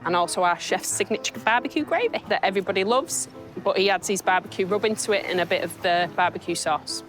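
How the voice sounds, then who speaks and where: A woman's voice: medium pitch, fast talker. A British woman giving a casual interview as someone who runs a restaurant. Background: music.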